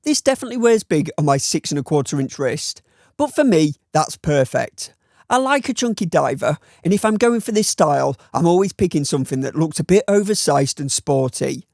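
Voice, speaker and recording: Northern English male reviewer, voice-over read with a touch of fry, deadpan wry delivery, dead-dry booth sound. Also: fairly high pitch, brisk, no echo. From Northern England. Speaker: watch reviewer.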